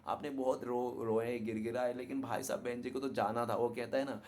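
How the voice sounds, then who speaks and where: A man's voice: medium pitch, flat delivery, a little fast, darkish tone, slight background noise. A man giving a casual tarot card reading to his viewers in a chatty way, often adding a tag question to check they follow. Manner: chatty, repeats "ठीक है ना" as a tag. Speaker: tarot reader.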